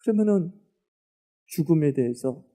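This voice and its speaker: A middle-aged man preaching a sermon as pastor, talking with the congregation through questions he answers himself, moving between loud emphatic lines and near-murmured asides. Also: on the high side, animated, moderate pace.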